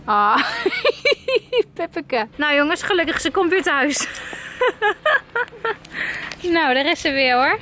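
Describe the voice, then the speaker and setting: A woman's voice: sits high, expressive, moderate pace, hardly any pauses, background noise. A woman in her twenties filming a family vlog, coaxing her toddler in a sing-song way and laughing often. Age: 20s. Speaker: family vlogger and mother. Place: at home and outdoors on the street.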